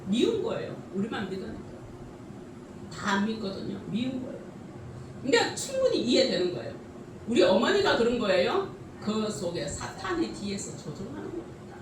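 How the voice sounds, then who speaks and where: High, lively woman preaching in an echoey hall. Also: moderate pace, background noise. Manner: lively preaching with rhetorical questions and frequent laughter. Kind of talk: sermon. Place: church sanctuary. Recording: echoey church hall from a distance.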